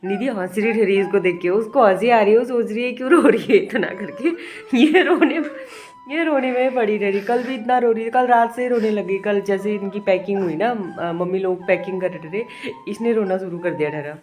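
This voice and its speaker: Nursing a bad headache, a young mother vlogs casually from indoors at home while her child cries, affectionately telling the child off at times. She speaks at a moderate pace in a mid-range, slightly mellow voice.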